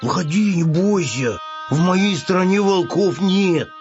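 Storybook bear cub, earnest and insistent, lifted voice, played by a man, slow, music under. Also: high-pitched, lively intonation, voice pushed up. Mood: reassuring. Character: earnest, kind bear cub, proud of his land. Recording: dull lo-fi audiobook with music.

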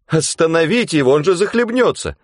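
A man's voice: on the high side, lively intonation, a little fast, no room sound, clean studio sound, voice pushed up. A man voicing a pleading, tearful young woman. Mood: alarmed. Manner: pleading, near tears. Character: anxious young woman onlooker.

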